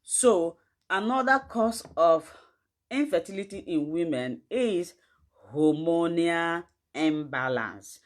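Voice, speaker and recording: A woman's voice: lowish voice, animated, slow. A woman with a West African, Nigerian accent giving an informal livestream health lesson, addressing viewers directly and emphatically with rhetorical questions. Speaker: online health teacher.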